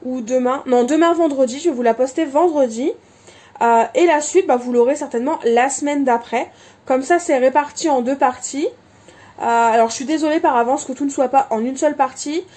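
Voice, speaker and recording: In a casual show-and-tell vlog, a woman with a high, mellow voice briskly shows off her craft supplies. She chats away, filling the talk with fillers and correcting herself as she goes.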